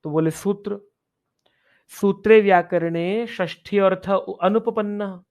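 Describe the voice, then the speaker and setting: A man teaching Sanskrit for exam preparation online reads out lines and explains each one in Hindi, stopping now and then to quiz his students. His voice sits high with a darkish tone, and he takes it slowly.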